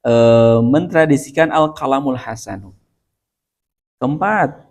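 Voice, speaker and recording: Middle-aged Sundanese-accented preacher. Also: male voice, mid-range voice, darkish tone. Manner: mixes Arabic recitation with Indonesian, chuckles often. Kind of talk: sermon.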